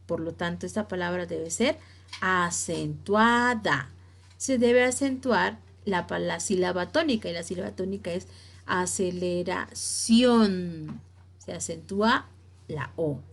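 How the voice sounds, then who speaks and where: A woman's voice: medium pitch, a little fast. A woman teacher giving a spelling lesson to her students, stressing key words and checking that they follow along.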